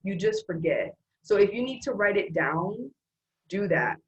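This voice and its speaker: A woman's voice: mid-range voice, expressive, unhurried, dull audio. A woman in casual motivational chat, emphatic and preachy, quoting scripture and urging listeners to speak life over themselves.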